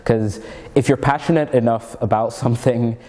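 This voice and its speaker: The speaker is a young adult man from Norway, a student and comedian, whose English sounds American because he learned it in Egypt. His medium-pitched, mellow voice keeps a moderate pace as he chats loosely in an interview, full of fillers and false starts. It sounds like he's in a large hall.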